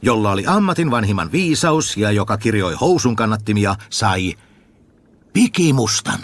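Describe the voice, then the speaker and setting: A man narrating a fairy tale with a very expressive reading. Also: fairly low pitch, slight background noise. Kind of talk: storybook narration. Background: faint music.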